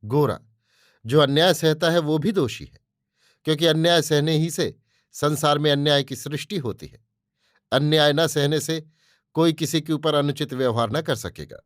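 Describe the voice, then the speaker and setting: A man's voice: a little high, moderate pace, no echo, studio quality, lightly acted. A man voicing a fiery young male nationalist who lectures his friend emphatically in a storybook reading. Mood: stern. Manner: emphatic, preaching.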